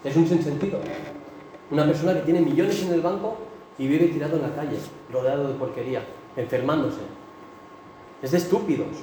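A man's voice: on the high side, brisk, warm tone, a little hiss or hum. A man preaching a sermon with impassioned, emphatic delivery. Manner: impassioned, rising to emphatic bursts. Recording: echoey hall, mic from a distance.

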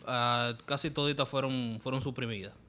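A man's voice: medium pitch, steady tone, normal speed, a crowd in the background. Man host, wry asides. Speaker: podcast host. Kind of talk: casual interview chat.

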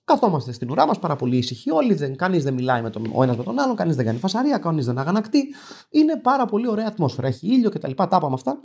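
Male storyteller, dry and sarcastic, lively swings in pitch, rambling anecdote. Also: creaky. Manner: dry, sarcastic, self-mocking; rambling with restarts. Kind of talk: humorous personal anecdote.

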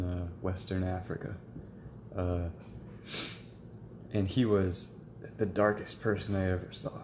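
Deep-voiced young man, dry teasing. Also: darkish tone. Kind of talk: casual chat. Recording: echoey room with faint ambient noise.

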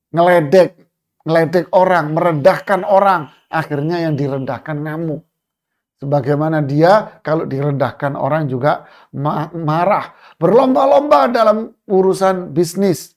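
Man preaching with rhetorical questions. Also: fairly high pitch. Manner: asks rhetorical questions and answers them; recites Arabic phrases and translates them. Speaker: Islamic preacher. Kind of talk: religious lecture on a classical text.

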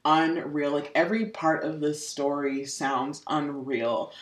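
A woman hosting a casual podcast, retelling a story in a lively way with lots of laughter. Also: low-pitched, unhurried. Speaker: podcast host. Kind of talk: casual reaction chat. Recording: echoey room.

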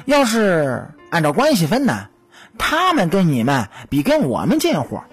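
A woman's voice: on the low side, huge pitch swings, moderate pace, slightly rough, soft background music, pitched below the performer's own voice, exaggerated voice. A woman voicing a cocky, teasing male weasel spirit in a storytelling audiobook. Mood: smug teasing. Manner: teasing, smug, chuckling.

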